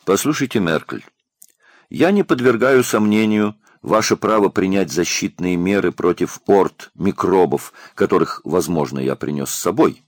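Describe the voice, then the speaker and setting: A man's voice: low voice, animated, moderate pace, no room sound, clean studio sound. A man reading the lines of a frustrated man from the past who is held indoors, speaking earnestly and pleadingly.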